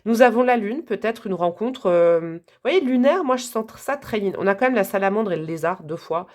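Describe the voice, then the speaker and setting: A woman giving a live tarot reading to her viewers, chatty and gentle, with frequent asides and little laughs. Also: medium pitch, brisk. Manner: softly calm, gentle delivery. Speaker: tarot reader.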